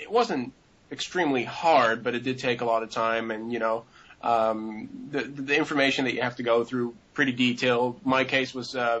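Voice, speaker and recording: A young man in his twenties talks through an interview in a loose, rambling manner, full of fillers and restarts. His voice sits at an ordinary middle pitch. The audio is dull and lo-fi. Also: a bit bright. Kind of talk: casual interview answers.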